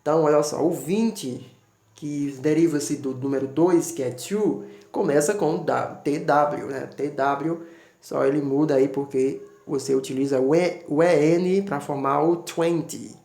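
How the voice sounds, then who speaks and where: A man's voice: a little high, a little slow, vocal fry, a little mellow. Patient man teaching, echoey room. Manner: patient, repeats "né?" often, spells words out letter by letter. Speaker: English teacher. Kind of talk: explaining English numbers to students.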